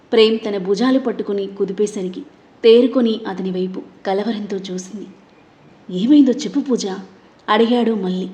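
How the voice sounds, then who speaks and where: A woman hosting and narrating a scripted family audio story in a steady, dramatic reading. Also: mid-range voice. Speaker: storyteller and host.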